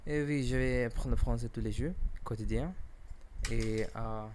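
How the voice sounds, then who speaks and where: A man in a casual practice vlog, talking haltingly as a language learner, often correcting himself and apologizing. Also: mid-range voice, background noise. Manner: hesitant, halting, self-correcting; apologetic, self-deprecating.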